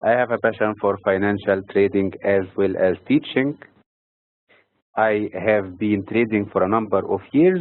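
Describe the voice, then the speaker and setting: A man's voice: fairly low pitch, dry recording. Egyptian-born man reading market commentary. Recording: dry, tinny phone-like audio.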